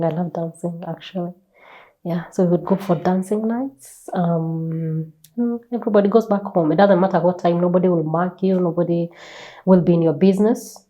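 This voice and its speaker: This Kenyan woman, a guest author in a conversational interview, has a mellow voice on the low side. She relates stories with animated emphasis, circling back on phrases and tossing out rhetorical questions.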